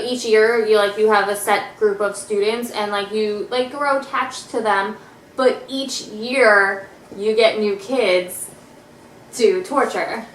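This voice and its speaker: Sitting by an electric fireplace in her family's living room, a podcast host in her twenties chats casually and teases her guest, with plenty of fillers. Her voice is a little high and a bit bright. The recording is rough, in an echoey room.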